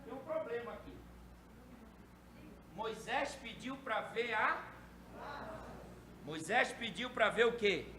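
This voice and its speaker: A pastor preaching a sermon, with sudden loud bursts between quiet, explaining passages. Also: male voice, very high voice, animated, slow pace, pauses often, noisy background. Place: church. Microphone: handheld mic.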